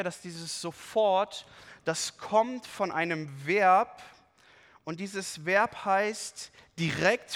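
A man preaching a sermon, reading scripture aloud and explaining it with lively, expressive emphasis. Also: high-pitched, long reverb tail.

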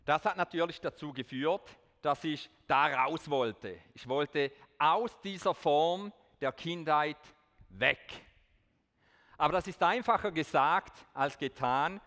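A man with a slightly high voice gives an earnest testimony talk in a big hall, lightening it with self-mocking asides. A long hall reverb trails behind every phrase. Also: slow pace, fairly bright tone. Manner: switches to standard German for the audience. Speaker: speaker giving a testimony talk. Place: large hall with an audience.

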